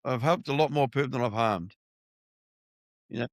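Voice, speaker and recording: A man's voice: medium pitch, moderate pace, dry recording, clean studio sound. A middle-aged Australian man hosting a casual interview, blunt and full of swearing and mateship talk. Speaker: podcast host.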